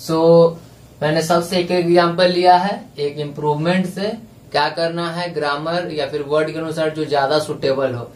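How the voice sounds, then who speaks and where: A male exam prep teacher explaining a lesson, reading English lines slowly and spelling words letter by letter. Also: on the high side, level tone. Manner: reads English passage slowly, drawn out. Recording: echoey room, voice from a distance.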